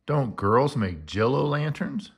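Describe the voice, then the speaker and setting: A man's voice: medium pitch, lively intonation, takes it slowly, slightly rough, pitched above the performer's own voice, heavily acted. A man reading aloud as Morris, a naive, easily scared male friend who loves candy. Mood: worried. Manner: wide-eyed and easily scared.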